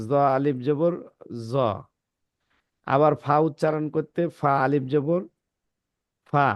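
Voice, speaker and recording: A man teaching Arabic letter pronunciation in a classroom, reciting letters one by one with a slow, drawn-out delivery and checking in with his students. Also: fairly high pitch, clear, resonant tone, no room sound, lo-fi sound.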